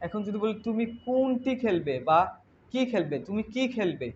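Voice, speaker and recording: A man teaching an online English class, patient, slowly spelling out English examples. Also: sits high, animated, dull audio, a little hiss or hum. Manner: patient, checks in with "ঠিক আছে?"; slow, drawn-out English examples.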